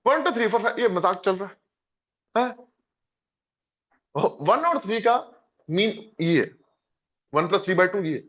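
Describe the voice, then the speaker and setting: A man's voice: sits high, measured pace, pauses often. A man with an Indian accent teaching math, going over a test with students in an encouraging way. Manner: lively, encouraging, addresses students as beta. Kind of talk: discussing a test in class. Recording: dull lo-fi classroom recording.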